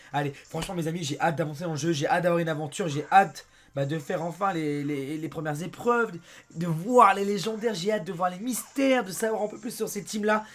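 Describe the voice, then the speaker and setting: A young French man with a hoarse voice, chatting excitedly as he plays a game and talks to his viewers. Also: on the high side. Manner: chatty and excitable, often says "mes amis" and "abusé". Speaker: let's play host. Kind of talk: casual gameplay commentary.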